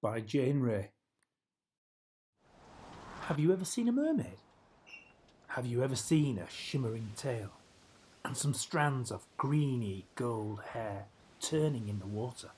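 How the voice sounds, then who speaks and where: A man with a medium pitch narrates a story for children, his phrasing expressive and measured, broken by deliberate pauses. Slight background noise can be heard.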